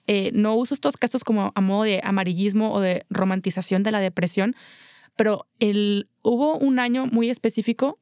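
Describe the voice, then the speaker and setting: A woman's voice: medium pitch, normal speed, darkish tone, clear, resonant tone, no room sound, studio quality. A woman with a Mexican accent speaking reflectively in a casual faith chat, sharing personal experience. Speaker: podcast co-host.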